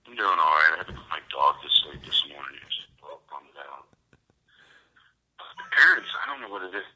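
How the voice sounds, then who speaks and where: A man's voice: rumbling low, lively intonation, brisk, sharp tone. A man, a podcast guest, on a phone call heard over a speakerphone, droning on in a mock-gloomy way.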